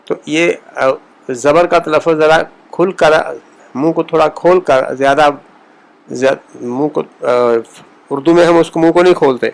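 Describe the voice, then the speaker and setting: A man giving a pronunciation lesson, speaking slowly and repeating example words to model the sounds. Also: a little high, fairly even intonation, vocal fry, low-quality recording. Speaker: language teacher.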